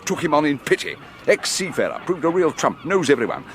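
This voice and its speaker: An actor in a radio drama playing an excitable, pompous English squire who exclaims and blusters. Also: male voice, a little high, brisk, a little hiss or hum. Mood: boastful, blustering.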